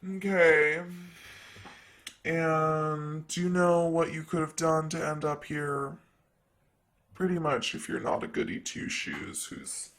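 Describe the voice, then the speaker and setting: Taking his time over every phrase, a man with a slightly high, somewhat bright voice acts as a vain, flirty demon secretary in ASMR roleplay. He's sassy and casually teasing, an ancient being doing desk work, and drawls his asides.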